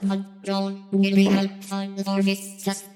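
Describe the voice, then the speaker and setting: A flat, monotone station computer, voiced by a woman, speaking in a mellow, dark tone. Its even announcements hang in a long reverb, with music playing underneath. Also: mid-range voice, slow pace, lightly acted. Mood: calm.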